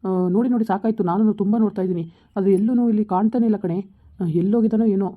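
A woman's voice: mid-range voice, fairly even intonation, fast talker, lightly acted. A woman voicing a curt, irritable village husband, recorded with tinny phone-like sound. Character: gruff village husband, impatient.

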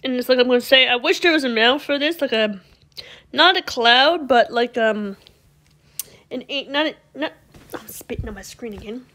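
A woman's voice: high-pitched, moderate pace, sharp tone. A woman giving casual, rambling commentary over a game she is playing, often stopping herself mid-sentence. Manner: rambling, chatty, self-interrupting. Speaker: gameplay video host.

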